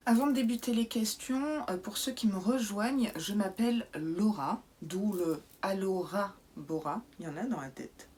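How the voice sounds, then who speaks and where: A woman's voice: mid-range voice, moderate pace, few pauses, darkish tone, soft background music. A woman, chatting casually as she answers viewer questions in her vlog, full of playful asides and fillers. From southwest France and New Zealand. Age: 30s. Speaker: beauty YouTuber.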